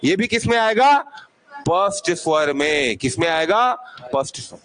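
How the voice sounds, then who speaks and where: A man's voice: fairly high pitch, expressive, unhurried, fairly bright tone, a little hiss or hum, poor audio. A male teacher giving a classroom lesson, quizzing his students over and over and prompting them to answer aloud.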